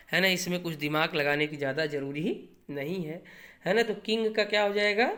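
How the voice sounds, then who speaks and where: A man's voice: high-pitched, pushed and bright. A man teaching English grammar in a lecture style. He keeps asking rhetorical questions and answering them himself, checks in with his listeners and repeats key points for exams. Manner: mixes English grammar terms into Hindi.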